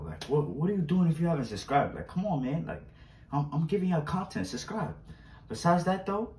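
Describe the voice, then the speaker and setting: A man's voice: mid-range voice, slight background noise. A young man, chatting casually through an unboxing vlog, slangy and repetitive, recorded by a fixed camera a few steps away in a small indoor room. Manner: chatty, slangy, repeats himself, pleads for likes. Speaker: vlogger. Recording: roomy, distant camera sound.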